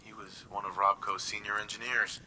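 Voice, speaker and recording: A man's voice: on the low side, little pitch movement, normal speed, natural voice. A man voicing a wry male survivor, the player character, with dry remarks in video game dialogue. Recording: game noise behind.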